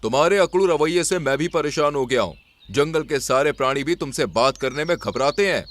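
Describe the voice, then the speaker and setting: A man voicing a bossy male lion king who talks quickly and forcefully. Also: on the high side, animated, voice pushed up. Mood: angry.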